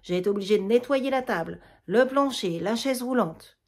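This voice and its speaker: A woman's voice: a little high, expressive, moderate pace. A woman doing a harried Quebec housewife. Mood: complaining. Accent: Quebec French. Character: harried middle-aged housewife caring for her mother-in-law.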